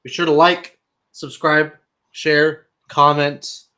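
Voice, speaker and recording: A man hosting a casual livestream chat over a video call, with a dry, self-mocking, low-key way of talking. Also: level tone, slow pace, sharp tone. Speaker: livestream host.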